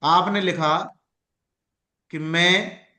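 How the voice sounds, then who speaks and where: A man's voice: high voice, steady tone, drawn-out words, sharp tone, reverberant. A man teaching a class on mind techniques, explaining through examples and questions he puts to his listeners.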